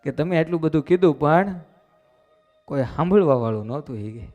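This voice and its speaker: A man's voice: on the high side, expressive, moderate pace, narrow, tinny audio, faint music behind. Folksy man preaching a sermon. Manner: folksy, conversational storytelling, voices quoted characters. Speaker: preacher giving a religious discourse. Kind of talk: sermon storytelling. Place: temple hall.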